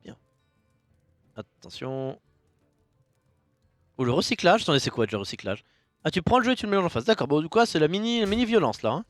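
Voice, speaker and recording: Man, game commentator, casual and jokey, lively swings in pitch, sudden excited outbursts. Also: a little fast, long pauses, dry recording, faint music behind. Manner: excitable, jokey, bursts of loud enthusiasm.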